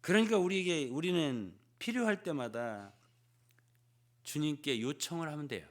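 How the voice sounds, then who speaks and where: An older man preaching a sermon as pastor, often prodding the congregation with a questioning "eh?" and swinging between loud emphasis and hushed asides. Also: on the high side, expressive, moderate pace. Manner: peppers phrases with prodding "예?" to the congregation.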